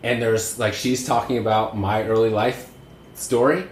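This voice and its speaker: A man hosting a casual interview, quick and teasing, blunt, with casual swearing. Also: fairly low pitch, fairly even intonation, a little hiss or hum. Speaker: podcast interviewer. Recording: roomy sound with faint ambience.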